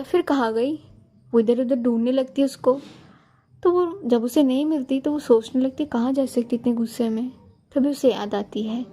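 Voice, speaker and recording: A woman's voice: sits high, dark tone, slight background noise. Chatty young woman telling a story. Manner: chatty, talks to listeners directly. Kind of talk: casual storytelling narration.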